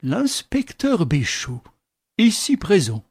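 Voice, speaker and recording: A man's voice: high-pitched, huge pitch swings, slow, darkish tone, breathy edge, dry recording, voice pushed up, exaggerated voice. A man reading aloud and voicing an old army general who presses his case with emphatic, raised delivery. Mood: insistent. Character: old male army general, insistent and proud.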